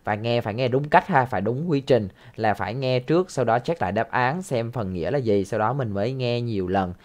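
A man teaching an English listening lesson, patiently repeating phrases and adding soft tag words. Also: mid-range voice, fairly quick.

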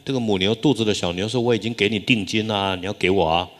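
A man's voice: fairly low pitch, steady tone, fast, lightly acted. A man voicing a pushy middle-aged male cattle buyer in a story, speaking insistently. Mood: protesting. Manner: protesting, insistent. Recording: long hall reverb.

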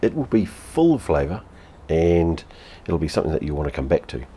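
This deep, dark male voice swings widely in pitch, moves fairly quickly, and has a breathy edge. The speaker, a blunt and profane New Zealand man in his fifties who repeats himself, reviews beer in a casual home vlog with a TV at his back.

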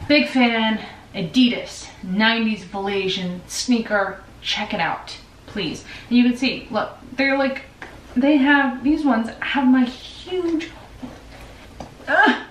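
This woman in her twenties vlogs from her bedroom with a mid-range, fairly bright voice, chatting in a friendly, upbeat way. Because the camera is set back from her, the audio is roomy and a bit distant, with echo and light hiss.

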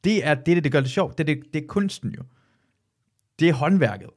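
A man hosting a podcast in casual chat, animated and ranting, swearing freely. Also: a little high. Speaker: podcast host.

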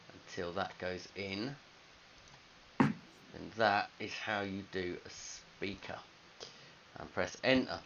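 In his thirties, this design teacher narrates an informal, step-by-step software screencast, thinking aloud casually into a headset microphone while indoors at a computer. His voice sits low with a sharp tone, and the audio is dull and lo-fi with faint hiss.

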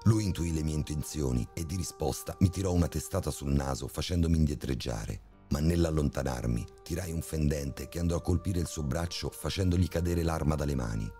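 Very deep, dark male horror narrator. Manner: steady, grim storytelling. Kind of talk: scripted first-person horror narration. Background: faint background music.

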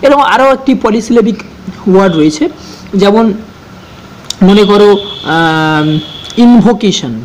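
A man, teaching an English grammar lesson, speaking slowly and patiently, repeating each definition and spelling words out letter by letter. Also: high voice, lively intonation, darkish tone, slight background noise, poor audio.

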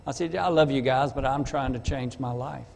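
A man's voice: mid-range voice, fairly quick, vocal fry, a little mellow. A middle-aged man tells his conversion story from the pulpit, slipping into the other people's voices as he recounts them. His voice rings out with a long church reverb over faint background hum. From North Carolina. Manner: storytelling, acts out dialogue. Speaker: preacher. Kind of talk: testimony sermon. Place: church sanctuary.

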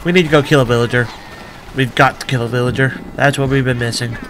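Casual gamer commentary, wry offhand man, mid-pitched, faint background hiss. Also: fairly even intonation, fast talker, fairly bright tone. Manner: wry, offhand, muttering asides. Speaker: let's play gamer.

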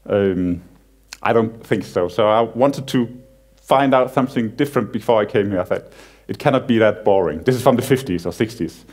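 A man in his thirties with a Danish accent and a voice on the low side gives a casual, joking conference talk on stage in a large cinema hall. His manner is relaxed, with dry, self-deprecating humor and frequent halting restarts.

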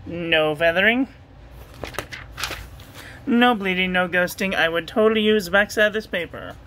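A woman reviewing ink and paper at a home desk, talking through a steady, repetitive checklist and getting excited about the ink colors. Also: fairly low pitch, moderate pace, a little hiss or hum, poor audio. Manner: enthusiastic over ink colors. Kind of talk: casual product review voice-over.

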